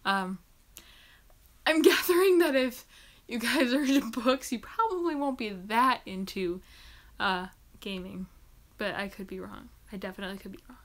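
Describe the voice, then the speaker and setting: A woman's voice: on the high side, normal speed, long pauses. A woman hosting a casual live-stream Q&A from home as a book vlogger, chatty and giggly.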